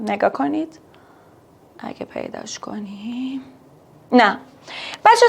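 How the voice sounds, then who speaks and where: A woman with a high voice teaches an online French lesson to Persian speakers. She speaks to the learners informally and directly. When she conjugates verbs she slows right down and says each form clearly.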